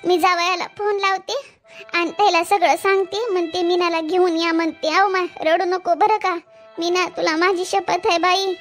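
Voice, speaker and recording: A woman's voice: very high-pitched, level tone, moderate pace, faint music behind. A woman voicing a loving, ailing mother who coaxes and soothes her grown daughter, in a cartoon. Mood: coaxing. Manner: coaxing, soothing. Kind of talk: cartoon voice acting.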